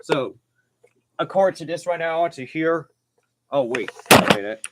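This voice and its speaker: A man's voice: on the high side, animated, very noisy. Guy doing live storm coverage, radio-style updates, keeps restarting and repeating himself. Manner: halting, repeats and restarts phrases. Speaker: amateur severe weather livestream host.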